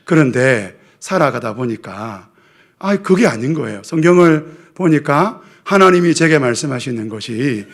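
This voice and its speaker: A middle-aged male pastor, preaching a sermon. He keeps turning to the congregation with questions and pokes wry fun at himself as he goes. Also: a little high. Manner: asks the congregation questions, wry self-mocking humor.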